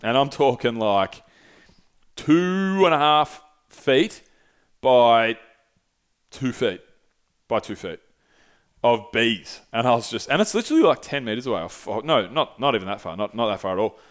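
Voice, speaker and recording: A man's voice: mid-range voice, animated, normal speed, long pauses, smooth. A young man casually telling a rambling travel story, swearing freely and using lots of fillers. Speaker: podcast guest telling travel stories.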